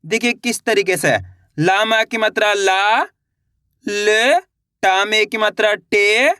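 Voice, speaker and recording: A man teaching reading, sounding out each syllable slowly before joining it into a whole word. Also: high voice, pushed and bright, no room sound, studio quality. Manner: slow drawn-out sounding out of syllables, then brisk coaxing to the class.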